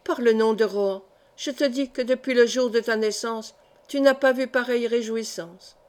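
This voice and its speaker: A woman's voice: fairly high pitch, steady tone, moderate pace, a little mellow, lightly acted. A woman reading the part of an old, feverishly exalted count in an audiobook, with an emphatic, proud delivery. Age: older.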